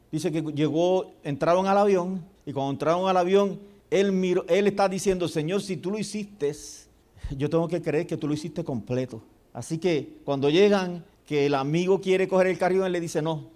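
A man, a pastor telling a story in a sermon and acting out the dialogue. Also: on the high side. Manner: storytelling with animated quoted dialogue.

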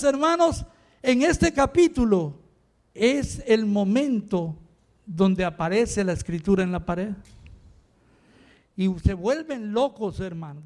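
An older man from Rica, preaching an impassioned sermon that swings between quiet talk and shouting. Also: very high-pitched. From Costa Rica.

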